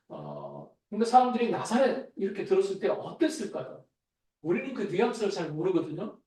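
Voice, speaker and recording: A man's voice: high-pitched, a little mellow. A man preaching a sermon as pastor, speaking in a conversational way and asking the congregation questions. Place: church sanctuary. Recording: echoey church hall, voice from far off.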